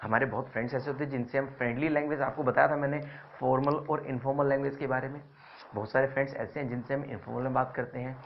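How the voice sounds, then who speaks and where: A man's voice: mid-range voice, steady tone, fast talker, dull audio, slight background noise. A male English teacher giving a grammar lesson, patiently repeating example sentences and calling his listeners children. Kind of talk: classroom-style grammar lesson.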